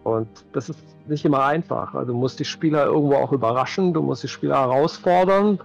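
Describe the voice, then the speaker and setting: A forty-something game master talks casually in an interview from his home via video call, repeating words as he searches for them and thinking aloud. His mid-range voice is fast with vocal fry, the audio is dull, and background music plays underneath.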